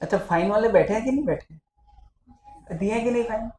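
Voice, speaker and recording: A man's voice: sits high, a little fast, mellow, slight background noise. A male physics teacher in a casual classroom lecture, teasing and scolding his students as he talks. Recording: echoey classroom.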